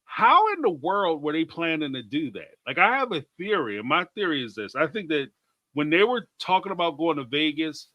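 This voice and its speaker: Male co-host, jokey and animated, bright, lively delivery, dry close mic. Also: on the high side, normal speed, dry recording, highs cut off. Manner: jokey, animated, reads viewer messages aloud. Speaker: co-host of a reality TV discussion stream. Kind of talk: casual live-stream chat.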